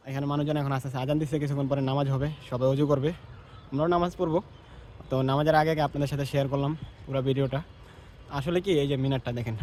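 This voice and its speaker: A man chatting casually to his viewers while walking around a busy mosque compound, sometimes lowering his voice. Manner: chatty, addresses viewers as brother, hushes voice at times. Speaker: vlogger. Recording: noisy outdoor phone recording.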